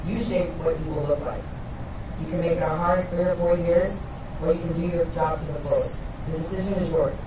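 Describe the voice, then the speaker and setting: A man delivers a formal military graduation speech in a measured, rhetorical way. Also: a little high, steady tone. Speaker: army senior enlisted speaker. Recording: very echoey, distant, noisy hall recording.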